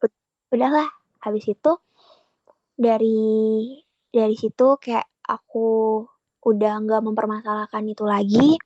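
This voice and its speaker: A woman's voice: on the high side, steady tone, a little slow, long pauses, a little mellow, no echo, highs cut off. A young woman telling a podcast host about her relationship in casual chat, retelling both sides of the conversation. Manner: chatty, retells conversations with quoted dialogue. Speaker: guest sharing a relationship story.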